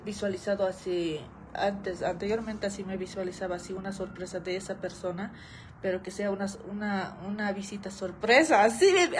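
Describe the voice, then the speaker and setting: A woman's voice: medium pitch, a little hiss or hum, poor audio. Chatty young woman telling a story. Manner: chatty, repeats phrases, keeps addressing viewers. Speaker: vlogger. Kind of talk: casual storytelling to viewers.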